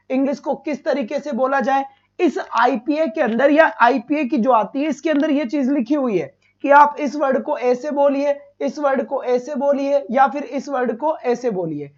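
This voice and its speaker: A man's voice: very high voice, lo-fi sound. A man teaching a live online exam-prep lesson, asking his students questions, repeating each one and fondly calling them "beta".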